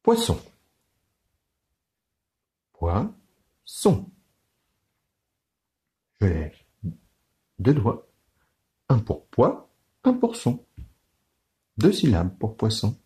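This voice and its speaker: A man teaching young children to count syllables, with a low, mellow voice. His delivery is very slow and deliberate, and his pitch swoops high and low in a sing-song way. Each word is spelled out gently and clearly. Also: huge pitch swings.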